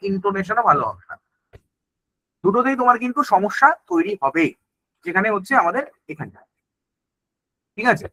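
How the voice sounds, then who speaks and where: A man's voice: high voice, pushed and bright, no room sound, rough recording. A man teaching an exam-prep lesson. He explains in Bengali mixed with English terms and keeps checking that the class is following.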